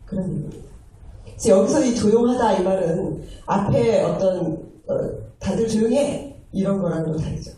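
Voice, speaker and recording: Mellow-voiced woman preaching in an echoey hall. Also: medium pitch, normal speed, far from the mic, slight background noise. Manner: storytelling, acting out tender quoted voices. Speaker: junior pastor. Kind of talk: sermon. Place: large church sanctuary.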